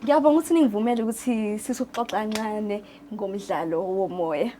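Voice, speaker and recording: A South African woman whose native language is Zulu works as a TV host, interviewing radio drama staff in a radio drama studio in a conversational magazine-show style. Her mid-range voice is brisk and warm, with a slight hiss or hum in the recording.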